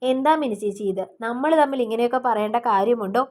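Brief: reassuring middle-aged housewife in an audiobook romance, a woman narrator reading her, fairly high voice. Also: quick pace, darkish tone, natural voice.

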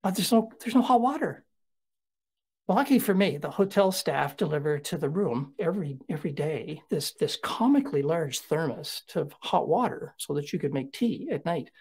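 A middle-aged man giving a keynote talk, telling stories with lively conversational asides. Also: on the high side, moderate pace, hardly any pauses, slightly rough. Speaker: keynote speaker.

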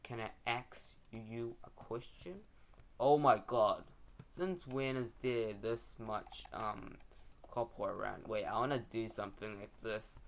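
A man's voice: lowish voice, unhurried, creaky, fairly bright tone. A young man giving casual, rambling, slangy gameplay commentary as a video host.

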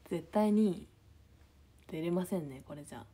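Young woman, idol streamer reading comments, husky, mellow, sleepy half-whispered chat. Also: unhurried. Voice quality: husky, a bit low. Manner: just-woken, soft and drowsy, often near-whispered. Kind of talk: casual livestream chat.

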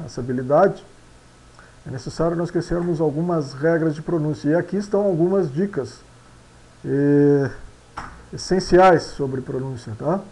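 A man from Brazil with a Brazilian Portuguese accent, teaching a video lesson in an unhurried way, often ending phrases with a questioning tag and filling pauses with hesitant sounds. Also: a little high, warm tone, poor audio. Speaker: language teacher.

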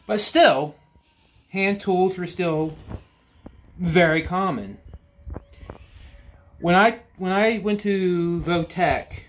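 A man in his 40s, who runs a woodworking channel, chats about saws in his cluttered basement shop as a casual tool review. His voice is somewhat high and slow, and he wanders along with many restarts and lots of "you know."

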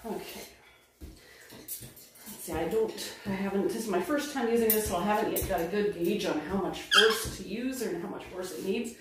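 A middle-aged woman who vlogs from home speaks at a medium pitch and moderate pace, chatting casually to her viewers and thinking aloud as she does chores in her kitchen and dining room. She's winded after a workout, keeping up a relaxed running commentary. A phone camera set across the room captures her, so the audio sounds roomy and distant, with background noise.

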